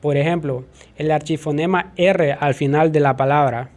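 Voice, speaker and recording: Man reading definitions aloud, measured. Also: fairly high pitch, fairly even intonation, a little mellow.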